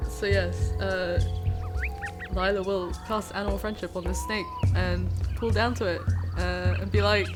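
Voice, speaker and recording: Slow-paced woman with lively pitch. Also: music in the background. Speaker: tabletop game player. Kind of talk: casual game chat.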